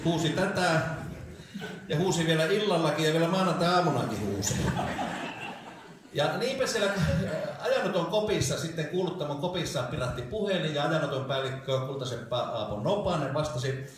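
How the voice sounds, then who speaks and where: A man telling a comic story on stage between songs, animated and laughing as he goes, heard from a distant mic in a concert hall. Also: fairly high pitch, crowd noise. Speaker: concert host and bandleader. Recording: echoey hall from far off.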